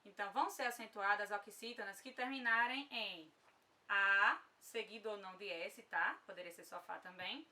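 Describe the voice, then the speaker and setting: A woman's voice: medium pitch, normal speed, bright, forceful tone, recorded from a distance. A woman with a Brazilian Portuguese accent teaching an online grammar lesson, patient, often checking in with her students.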